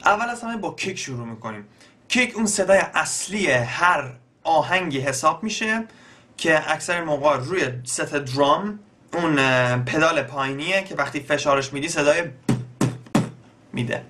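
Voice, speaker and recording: A young man with an Iranian Persian accent gives a casual beatbox lesson, explaining each step slowly with many pauses and fillers. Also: a little high, animated, bright, forceful tone. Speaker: beatbox teacher. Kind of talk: casual spoken tutorial.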